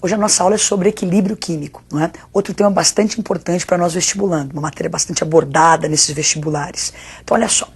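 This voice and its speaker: A woman's voice: fairly low pitch, steady tone, fast, hardly any pauses, slightly rough. A Brazilian woman teacher giving a spoken video lesson in a didactic way, with rhetorical questions and check-in tags. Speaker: chemistry teacher.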